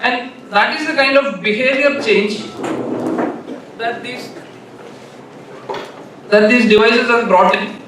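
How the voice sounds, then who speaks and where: A man with a Malayalam accent gives an informal conference keynote in a halting way, often repeating phrases. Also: very high-pitched, pushed and bright. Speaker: keynote speaker. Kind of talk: informal conference talk with anecdotes. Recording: echoey hall, distant mic, faint noise.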